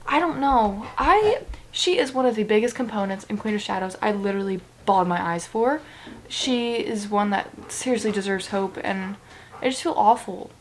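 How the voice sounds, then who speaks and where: A young woman talking excitedly about a novel she loves, full of fillers and sudden swells of feeling. Her voice sits at a middling pitch for a woman, and she speaks in a casual vlog-chat style. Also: a little hiss or hum. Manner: gushing and emotional, heavy use of "like". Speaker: book vlogger.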